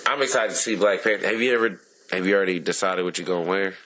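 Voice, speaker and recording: Male co-host, very low voice, playful teasing delivery, faint background hum. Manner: joking, teasing, quick interjections. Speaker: podcast co-host. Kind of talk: casual chat about movies and sports.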